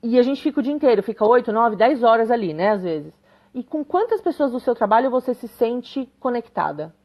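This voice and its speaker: A parenting educator in her thirties gives a live talk, chatting with her viewers, using frequent tag questions, and reading their comments aloud. Her voice is on the high side and darkish in tone, very animated and brisk.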